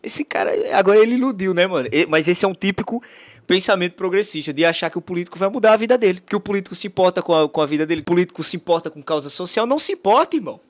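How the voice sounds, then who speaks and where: A man's voice: high voice, expressive, very fast, dry recording. A man giving slangy, sarcastic react commentary on a debate video.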